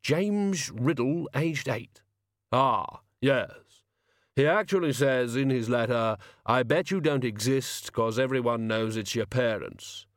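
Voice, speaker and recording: A man's voice: medium pitch, slow pace, no room sound, clean studio sound, close to an everyday voice. A man voicing a crabby, coarse old male servant with blunt, slangy talk. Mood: brisk.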